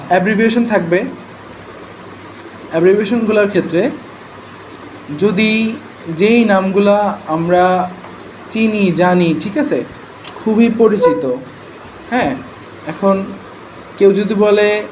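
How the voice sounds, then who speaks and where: A man walks a class through transcription rules. He keeps a relaxed, conversational tone and keeps checking in with his listeners. His voice sits high, with a faint steady hiss underneath. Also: rough recording. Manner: conversational, checks in often with rhetorical questions. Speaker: transcription trainer.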